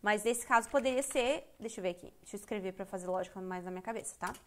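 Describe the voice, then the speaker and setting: This Brazilian woman speaks fast at a medium pitch while running a live online English class through her computer mic. Her Brazilian Portuguese accent comes through as she chats candidly, frequently cutting herself off and restarting.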